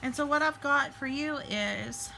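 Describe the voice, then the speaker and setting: A woman reads tarot for her viewers in a loose, chatty way, talking through the cards as she goes. Her voice is bright and clear, with some faint noise behind it. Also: high-pitched, measured pace, rough recording. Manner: chatty, thinks aloud, fillers and restarts. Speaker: tarot reader. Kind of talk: casual tarot reading to camera.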